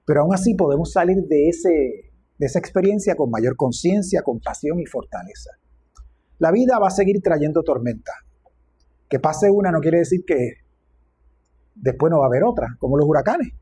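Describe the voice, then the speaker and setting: Preacher, male, reflective with light humor, mellow husky tone. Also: on the high side, expressive, normal speed. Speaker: minister. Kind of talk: sermon.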